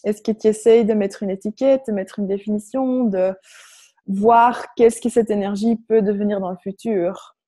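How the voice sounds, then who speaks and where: A woman from Flanders with a Flemish accent in French, a native Dutch speaker, guiding an online group through spiritual coaching in a halting way that searches for words. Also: medium pitch, fairly even intonation, dark tone. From Flanders, Belgium. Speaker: workshop facilitator.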